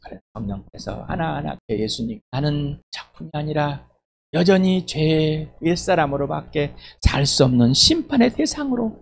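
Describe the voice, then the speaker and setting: A man's voice: a little high, lively intonation, normal speed, gravelly, husky. A man preaching a sermon at a church meeting, reading scripture and praying aloud in an earnest, confessional way that rises to impassioned pleading. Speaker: pastor.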